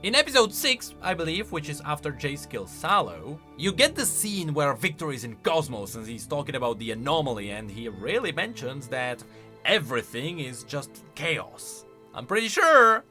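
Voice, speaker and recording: A male video host reacts casually to game lore, speaking conversationally and asking questions along the way. His bright, fairly high voice swings up and down very animatedly at a normal speed over faint music. He's recorded on a close, studio-style microphone.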